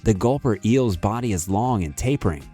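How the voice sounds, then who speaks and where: A man with a fairly low voice delivers scripted narration in the manner of a nature documentary. Faint music plays behind him as he presents the material. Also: animated, moderate pace, dark tone, husky.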